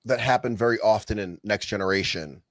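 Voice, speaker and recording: A man's voice: on the low side, a little fast, no room sound, studio quality. A man co-hosting a podcast, chatting in a playful, jokey way and acting out other people in his stories. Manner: playful, jokey, animated storyteller who acts out people. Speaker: podcast co-host. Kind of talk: casual chat.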